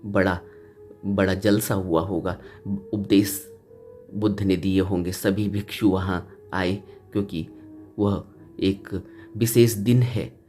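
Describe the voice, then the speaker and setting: A man speaks slowly and with fairly even intonation, giving an earnest Hindi dharma discourse that retells a Buddhist teaching story. He repeats phrases for emphasis and his pitch rises on key points, while soft flute music plays behind him.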